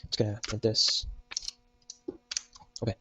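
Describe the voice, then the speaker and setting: A man's voice: unhurried, pushed and bright, a little hiss or hum, low-quality recording. A young man giving a casual, joke-filled programming tutorial while typing at his computer. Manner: jokey, meme-filled explaining. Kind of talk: casual screen-recorded coding tutorial.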